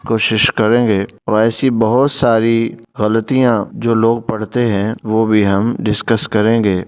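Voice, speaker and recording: A man with a Pakistani Urdu accent leads a word-by-word tajweed lesson. He spells out letters one by one and slows into a drawn-out chant for the verses. His voice is very clean and stays on a level pitch. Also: level tone, clean tone. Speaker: Quran recitation teacher.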